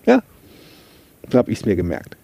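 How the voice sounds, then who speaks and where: Chatty guy podcasting, dry close mic, bouncy pitch, likes joking about himself. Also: normal speed, creaky, no room sound. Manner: chatty, self-mocking, lively storytelling. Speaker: podcast host, coach. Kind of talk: casual motivational podcast monologue.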